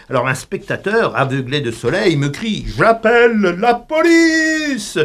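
A man telling a comic radio monologue as the show's columnist, staging a street quarrel like a bullfight with mock commentary, cries of olé and sly asides to the listeners. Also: fairly high pitch.

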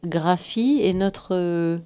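A woman's voice: on the low side, warm tone, clear, resonant tone. Woman hosting a teen radio show. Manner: friendly, quick back-channel remarks, laughs easily. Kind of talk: radio interview, casual chat.

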